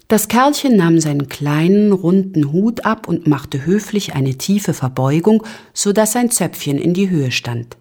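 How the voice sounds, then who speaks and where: A woman reads a children's story aloud with a lowish voice that rises and falls a great deal. Her narration is expressive and lively. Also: unhurried, hardly any pauses. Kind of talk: storybook reading.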